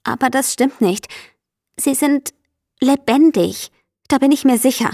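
A woman's voice: high-pitched, unhurried, creaky, mellow, no room sound, studio quality, pitched above the performer's own voice, heavily acted. A woman voicing an anxious, earnest female friend who talks urgently and stammers. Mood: worried.

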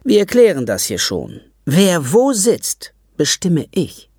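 Narrator doing a strict teacher lady, bossy and loud, high and a bit husky, dry sound. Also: wildly swooping pitch, slow pace, no room sound, heavily acted. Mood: stern. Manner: firm and commanding. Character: strict female schoolteacher, loud and firm. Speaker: classroom teacher.

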